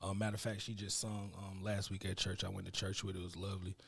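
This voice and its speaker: Young man, low voice, quick slangy laid-back interview talk, dry close sound. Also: level tone, vocal fry, slightly rough, no room sound. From Mississippi. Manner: laid-back, slangy, keeps saying "you know what I mean". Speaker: guest rapper. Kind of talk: casual interview chat.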